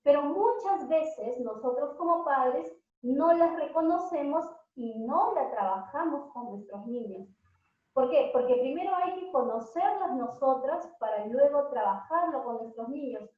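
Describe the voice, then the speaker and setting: A woman with a high voice speaks to a group of parents. She keeps asking them questions and slows right down on the words she wants to stress. The recording is very echoey and dull, as if picked up in a bare room on a low-grade mic. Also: expressive, darkish tone. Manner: asks the audience many questions. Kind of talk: talk to parents.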